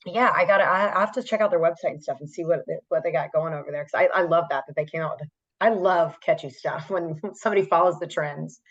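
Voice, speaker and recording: A woman's voice: on the low side, highs cut off. A woman co-hosting a podcast, chatty and agreeable. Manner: agreeable, chatty, quick to laugh. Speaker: podcast co-host. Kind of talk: casual chat.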